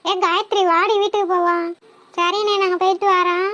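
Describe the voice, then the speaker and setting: A woman's voice: very high-pitched, a little fast, highs cut off. A woman voicing chatty young village women in a cartoon, teasing and bossy. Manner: lively, teasing, bossy banter. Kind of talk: cartoon voice acting.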